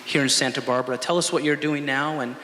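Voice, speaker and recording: Flat-toned moderator in an echoey hall. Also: male voice, medium pitch, fast, slight background noise. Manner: friendly, flat-toned, softly laughing. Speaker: panel moderator. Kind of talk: introducing a guest.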